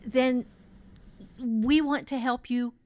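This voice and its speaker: Sitting high in pitch, her voice is steady, slow, and darkish in tone. The speaker is a podcast host running a workshop, chatting informally and frankly, recounting personal stories emphatically, and swearing freely.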